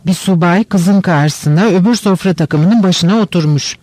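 A man's voice: high voice, normal speed, darkish tone, no room sound. A man reading the part of an unmarried old woman who tells a spooky fortune-telling tale in an audiobook. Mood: eerie. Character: unmarried old woman, family companion, fond of spooky tales.

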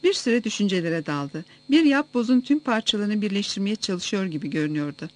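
Audiobook narrator, first-person story, steady, even reading. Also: medium pitch, brisk, faint music behind.

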